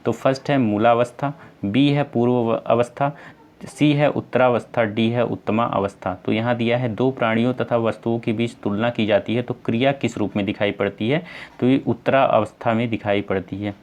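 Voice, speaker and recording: A man's voice: medium pitch, fairly even intonation, moderate pace, darkish tone. Male exam tutor, North Indian Hindi accent, patient step-by-step explainer. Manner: explains step by step, asks and answers own questions; addresses viewers as friends, many fillers. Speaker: teacher. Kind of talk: exam-prep lesson.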